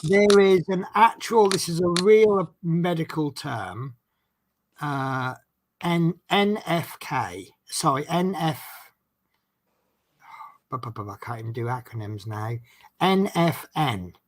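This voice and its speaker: A man's voice: a little high, expressive, slow pace. A man with a Norfolk accent chatting casually in a jokey, self-deprecating, rambling way as he hosts a live stream. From Norfolk, England. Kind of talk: casual chat.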